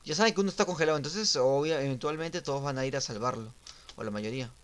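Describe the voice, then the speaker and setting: A young man streaming a game, giving casual live commentary that swings from muttering to sudden shouts and sing-song teasing. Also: mid-range voice, fast talker. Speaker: gaming streamer.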